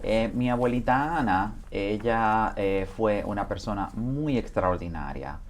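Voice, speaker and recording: A man in his forties from the Dominican Republic, a guest in an interview. His voice sits low, and he talks hesitantly, often pausing on fillers as he remembers. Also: lively intonation, slight background noise. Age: 40s. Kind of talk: interview testimony.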